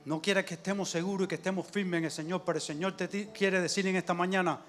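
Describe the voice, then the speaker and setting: A man's voice: sits high, steady tone, fast. A man preaching a fervent sermon in a church, calling out amen and hallelujah often. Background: soft instrumental music.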